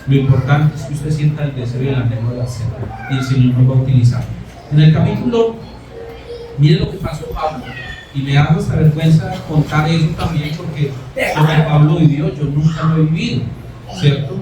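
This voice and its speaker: Male preacher, slightly high voice, heavy room echo, distant mic. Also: brisk, noisy background. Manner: conversational storytelling, frequent "¿cierto?" tags. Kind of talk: sermon with personal testimony. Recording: echoey room, mic far off.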